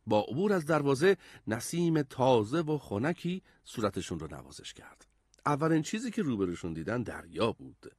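A man narrating a children's adventure story aloud in an expressive, animated way. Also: fairly low pitch, no room sound, clean studio sound.

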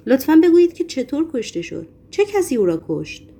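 A soft, courteous stranger from a storybook, asking gently and politely, as a woman narrator puts him on. The voice stays calm and even over a faint noise floor. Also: sits high, creaky, voice pushed up, full character voice. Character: quiet, polite stranger, coaxing and curious.

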